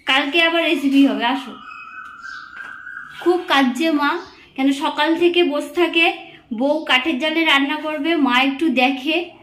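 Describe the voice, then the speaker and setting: High bright voiced woman doing a family vlog, talks slow, gentle and coaxing. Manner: gentle coaxing tone toward an elderly mother. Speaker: family vlogger. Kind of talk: casual family vlog talking to camera.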